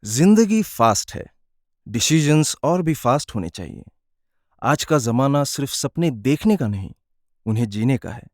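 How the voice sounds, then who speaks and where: Man reading an ad with swinging pitch. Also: big pitch swings, a little slow, a little mellow, no echo, studio quality. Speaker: student voice-over artist. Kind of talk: ad script read.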